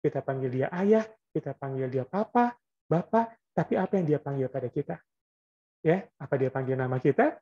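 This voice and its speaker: A man's voice: medium pitch, expressive, moderate pace, warm tone, muffled recording. A man giving an Islamic parenting lecture, explaining in a conversational way and often adding little checking tags.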